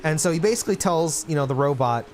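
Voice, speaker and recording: A man's voice: a little high, animated, fast talker, darkish tone, soft background music. A man in his late twenties talking casually to his livestream chat, reflective and rambling with many fillers and restarts. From Philippines. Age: 20s. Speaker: streamer.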